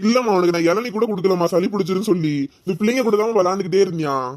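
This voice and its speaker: A woman voicing an elderly grandfather in a cartoon, calmly explaining to his daughter that he gave the boy nothing. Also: medium pitch, rapid-fire, voice pushed down, lightly acted. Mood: reassuring.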